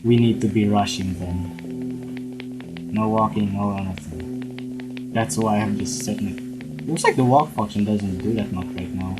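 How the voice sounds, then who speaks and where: A man's voice: fairly low pitch, slow, long pauses, rough recording. A man doing casual let's-play commentary, hurrying and throwing in apologetic asides while reading game dialogue aloud. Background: game music and keyboard typing.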